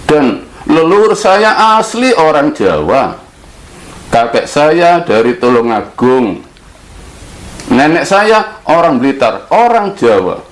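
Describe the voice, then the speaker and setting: Slow, earnest man from Java. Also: a little high, very animated, low-quality recording. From Java, Indonesia. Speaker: speaker. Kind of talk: monologue.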